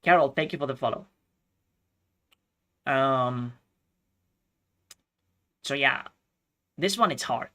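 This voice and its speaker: A man from Chile streaming chess, thinking out loud through his moves and chatting with viewers. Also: mid-range voice. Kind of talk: live-stream commentary.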